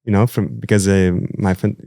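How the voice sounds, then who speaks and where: A man in his thirties with a Quebec French accent, talking in a loose, rambling way with constant fillers. His voice sits on the low side, and it is recorded dry and close to the mic. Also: a little fast, vocal fry, dry recording. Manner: rambling, many fillers, animated. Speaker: musician guest. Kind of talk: casual interview chat.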